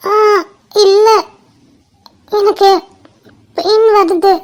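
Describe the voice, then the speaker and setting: A woman's voice: extremely high pitch, steady tone, drawn-out words, mellow, exaggerated voice. A woman voicing a frightened young mother in labor. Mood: pained pleading. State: in pain.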